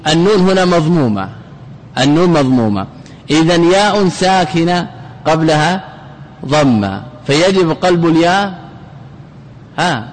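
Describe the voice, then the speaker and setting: A man's voice: on the high side, poor audio. A man teaching a classical grammar lesson, asking questions and answering them himself and repeating key words.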